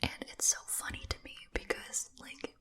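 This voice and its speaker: A woman's voice: moderate pace, bright, forceful tone. A woman from Japan whispering a casual, rambling ASMR chat while chewing gum. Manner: rambling, giggly asides. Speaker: host of a rambling ASMR video.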